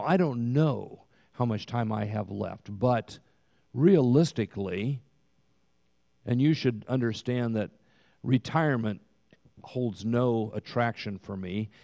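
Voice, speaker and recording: A man in his sixties preaching a sermon as pastor, with slow, emphatic delivery that swells to loud peaks, recorded in a church sanctuary. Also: medium pitch, creaky. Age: 60s. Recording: long hall reverb.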